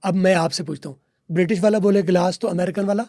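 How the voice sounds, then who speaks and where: A man's voice: high voice, steady tone, fast talker, mellow, no room sound, clean studio sound. A man, a teacher guest on a podcast, lecturing and repeating example words. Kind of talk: podcast interview, explaining.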